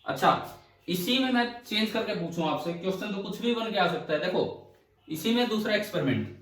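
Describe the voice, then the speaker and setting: A man's voice: sits high, animated, brisk, a bit bright. A male physics teacher lecturing a class, explaining step by step and firing questions at his students. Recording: echoey room, from far off.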